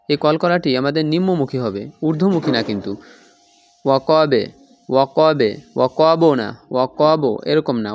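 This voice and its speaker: A man teaching Quran recitation rules, explaining step by step and repeating every example several times. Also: mid-range voice. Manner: slow, patient, repeats each example. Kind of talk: tajweed lesson.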